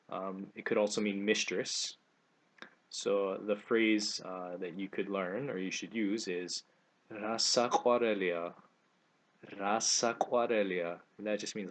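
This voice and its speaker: A man speaks in a very low voice. He teaches in a relaxed, casual way, slowing down to say each phrase twice. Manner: relaxed, repeats phrases slowly and clearly. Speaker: language teacher. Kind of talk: casual video lesson.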